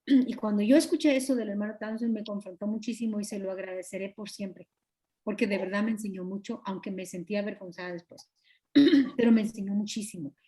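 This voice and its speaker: A woman, a pastor's wife, teaching a Bible study over a video call with a Guatemalan Spanish accent, earnest and confiding, often clearing her throat. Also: medium pitch, fairly quick, mellow. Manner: earnest, confiding, acts out quoted dialogue.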